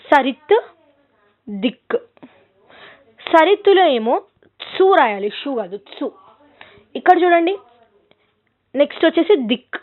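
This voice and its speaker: Woman reciting Sanskrit forms, tinny sound. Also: high voice. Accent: Telangana Telugu. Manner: chants declensions in rhythmic recitation, checking in with students. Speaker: Sanskrit teacher. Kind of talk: recited grammar lesson. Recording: tinny phone-like audio.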